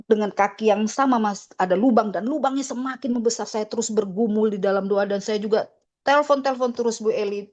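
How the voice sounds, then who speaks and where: A woman's voice: medium pitch, a little mellow, highs cut off. A middle-aged woman giving a personal church testimony, telling her story with feeling and acting out remembered conversations.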